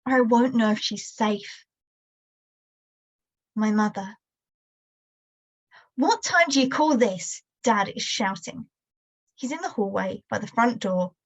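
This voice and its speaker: A woman author reading her own prose aloud in a measured, quiet first-person narration. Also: medium pitch, lo-fi sound.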